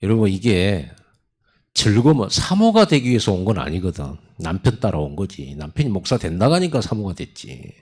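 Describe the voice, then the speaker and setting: A man from Korea, a pastor, preaching a sermon in a conversational storytelling way with sudden loud emphasis. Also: low-pitched, very animated, moderate pace, husky. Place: church sanctuary.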